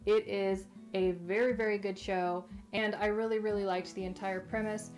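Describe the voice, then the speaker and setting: A woman's voice: mid-range voice, little pitch movement, normal speed, darkish tone, soft background music. A woman hosting a casual, chatty recommendation vlog, speaking with a mouth affected by recent wisdom tooth removal. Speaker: host.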